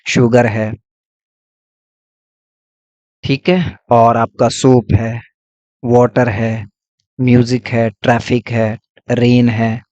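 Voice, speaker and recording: A man's voice: medium pitch, little pitch movement, takes it slowly, a little mellow, no echo, dull audio. Guy teaching english grammar, keeps repeating stuff n checking, dry close sound. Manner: explains patiently, repeats key points with frequent checks. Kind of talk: classroom-style lesson.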